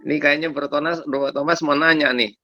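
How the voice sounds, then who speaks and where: Bright-voiced man hosting a video meeting. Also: fairly high pitch, steady tone, fairly quick, no echo, highs cut off. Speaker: host. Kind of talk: meeting moderation. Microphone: video call.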